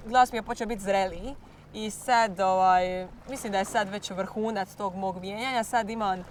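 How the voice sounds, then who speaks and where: This teenage klapa singer from Croatia gives interview answers in halting English marked by a Croatian accent, searching for words and at times dropping into her native language. A faint hiss accompanies her slightly hoarse, mid-pitched voice, whose intonation stays fairly even.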